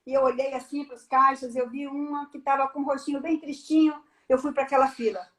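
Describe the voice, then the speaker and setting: High-voiced woman giving a testimony. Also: fairly quick. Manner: animated storyteller, acts out the dialogue. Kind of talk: personal testimony on a live stream.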